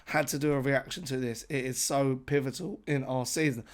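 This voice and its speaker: A man hosting a casual football reaction vlog, his voice croaky from a late flight, talking excitedly with emphatic repetitions. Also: medium pitch, fairly quick. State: croaky voice from travel. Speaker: football fan channel host.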